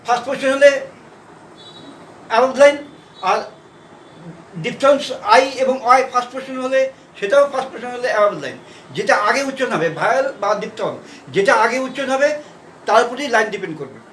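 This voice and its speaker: A man teaching a shorthand class, repeating words slowly and spelling out their letters. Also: very high-pitched, fairly bright tone. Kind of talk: classroom lesson. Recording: roomy, distant, faint background noise.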